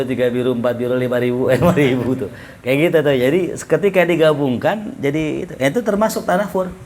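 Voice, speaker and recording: A man teaching a class in a relaxed, joking way, reading Arabic lines and explaining them with questions to students. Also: medium pitch, gravelly. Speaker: ustadz teaching Arabic rhetoric. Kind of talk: casual classroom lecture.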